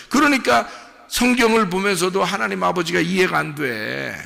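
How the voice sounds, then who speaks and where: Gravelly, animated male preacher in a reverberant church. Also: high voice. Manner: emphatic preaching, swings from hushed to shouted. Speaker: pastor. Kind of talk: sermon. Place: church sanctuary.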